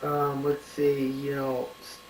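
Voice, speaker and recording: A man giving casual spoken answers to study questions, halting and full of "you know" and "um", thinking aloud as he searches a book. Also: medium pitch, monotone, a little mellow, a little hiss or hum. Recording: roomy home recording from a distant mic.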